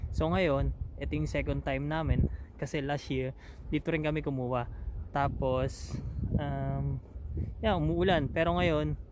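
A man's voice: on the high side, fairly even intonation, normal speed, noisy background. A man with a Filipino accent chatting casually as a vlogger, outdoors at a Christmas tree farm in the rain, laughing easily. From Philippines. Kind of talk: casual vlog chat. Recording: music playing loud over the voice.

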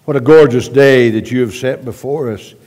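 A man leading a church prayer at a pulpit microphone, halting with repeated words and swelling louder as he prays. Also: mid-range voice. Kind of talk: spoken church prayer and announcements. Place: church sanctuary. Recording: long reverb of a church sanctuary.

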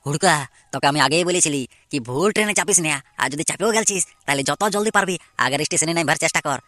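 Someone doing a fast bossy village friend, purulia bengali accent, dry close sound. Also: mid-range voice, fairly bright tone, dry recording, close to an everyday voice. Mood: lecturing. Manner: lecturing, quick. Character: know-it-all village friend, older boy.

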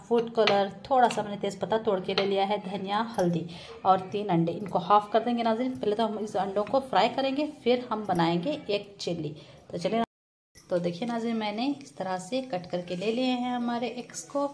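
In her home kitchen beside a frying stove, a cooking vlogger with a medium-pitched, darkish voice narrates a tutorial. She keeps it friendly and chatty, often greeting viewers and offering religious blessings as she cooks.

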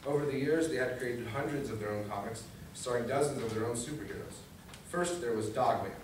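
Picked up from a distance by a camera facing the podium, the audio is noisy and echoes around a medium-sized library meeting room. There, the student government vice president, a young adult man, reads a children's book aloud to an audience as a guest. His pitch is medium and his pace fairly quick.

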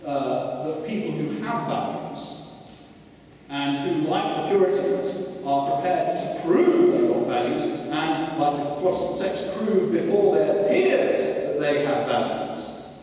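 A man's voice: a little high, expressive, slow pace, mellow, distant mic, slight background noise. Man lecturing in an echoey hall. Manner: digressive, many restarts and asides. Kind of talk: academic lecture.

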